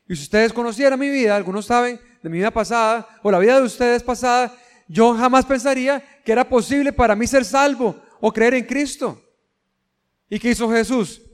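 Male preacher, high voice, earnest and emphatic sermon. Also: big-room sound. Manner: earnest, building to emphatic peaks, addresses listeners directly.

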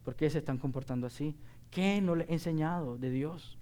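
Middle-aged pastor guy preaching, earnest and emphatic, voice sits kinda high. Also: fairly quick, dark tone. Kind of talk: sermon.

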